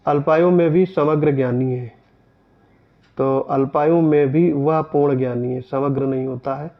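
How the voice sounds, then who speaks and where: An exam coaching teacher works methodically through mock test questions, reading each sentence aloud before correcting it. His voice is on the high side with fairly even intonation and an unhurried pace, and the recording's highs are cut off.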